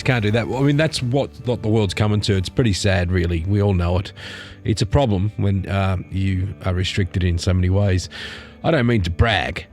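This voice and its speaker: A man's voice: on the low side, darkish tone. A man hosting an informal news commentary on memes, rambling along in a casual, sardonic way. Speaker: host of a satirical news commentary channel. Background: music.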